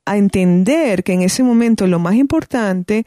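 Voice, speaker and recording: With a warm tone and medium pitch, this woman talks at a moderate pace as a parenting guest, and her conversational advice comes thoughtfully, with many restarts and fillers. It's studio quality with no echo.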